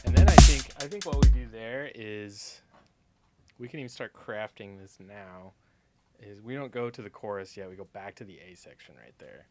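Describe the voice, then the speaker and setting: A young man co-hosting a casual live stream while composing music, easygoing and quick to laugh, often repeating words as he restarts. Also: on the low side. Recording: loud music playing behind the voice.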